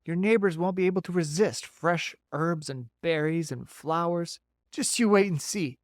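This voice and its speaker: A man's voice: on the high side, moderate pace, no room sound, clean studio sound, pitched above the performer's own voice, lightly acted. A man voicing a friendly, talkative male beaver who eagerly gives folksy advice in an audiobook. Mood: chatty. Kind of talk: audiobook character voice.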